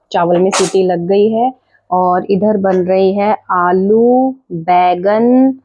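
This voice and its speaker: A woman's voice: mid-range voice, background noise. A woman in her thirties, a mother chatting casually to her viewers as friends while cooking at home. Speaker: family vlogger and mother. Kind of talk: casual vlog chat to viewers. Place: home kitchen.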